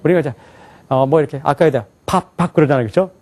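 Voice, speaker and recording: A man teaching a class in a lively lecture style, often asking the students questions and laughing along. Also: on the high side, racing. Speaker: English teacher at an alternative school.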